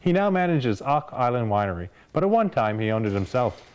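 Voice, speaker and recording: A man's voice: medium pitch, very animated, a little fast, clear, resonant tone. Man narrating a show preview. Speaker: show host. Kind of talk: scripted narration.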